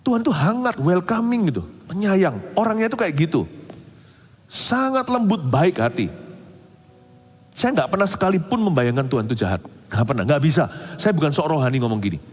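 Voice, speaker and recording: A middle-aged male pastor giving an animated sermon, moving between soft, intimate passages and emphatic outbursts, with English phrases mixed in. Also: on the high side, normal speed, slightly rough. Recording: reverberant hall.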